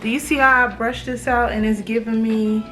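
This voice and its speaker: A woman's voice: fairly high pitch, level tone, normal speed, fairly bright tone, soft background music, rough recording. An American woman with a slight lisp from braces, giving a casual, slangy, emphatic review to camera as a beauty vlogger.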